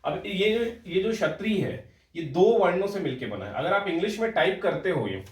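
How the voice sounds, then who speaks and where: A man's voice: sits high, lively intonation, brisk, reverberant, recorded from a distance. A young man teaching a Hindi grammar lecture for exam aspirants, explaining patiently, repeating words and often checking in with his students.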